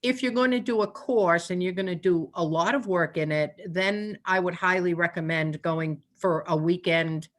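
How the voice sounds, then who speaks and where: An older woman with a lowish voice appears as a guest animal communicator in a casual interview, talking at normal speed with few pauses. She's a chatty storyteller who laughs often and acts out what her animals are thinking.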